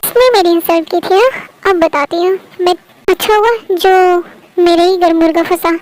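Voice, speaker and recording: A woman voicing a sharp-tongued, scheming young woman in a fan dub, with a snappy, mocking way of talking. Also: very high voice, normal speed, a little hiss or hum, rough recording. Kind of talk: fan Hindi dub acting.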